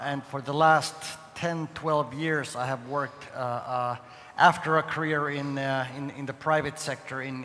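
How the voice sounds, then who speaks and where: A man with a Finnish accent speaks as a panel guest in a large hall. His mid-pitched voice carries long reverb over faint noise, and he talks haltingly, often searching for the next word. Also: fairly bright tone. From Finland. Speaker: guest speaker on open data. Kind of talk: conference panel talk.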